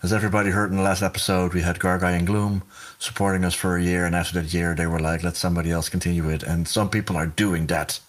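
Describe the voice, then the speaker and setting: Man, podcast host, slightly low voice, casual chat, rambling, laughs often. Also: steady tone, quick pace. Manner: chatty and rambling, with frequent restarts and laughs.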